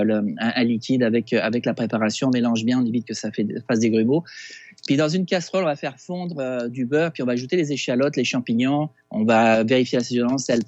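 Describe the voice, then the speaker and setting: A man with a Québécois accent, a chef talking through a recipe on a casual radio segment, halting with many fillers and restarts over a phone line. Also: medium pitch, a little mellow, no echo. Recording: dull lo-fi phone sound.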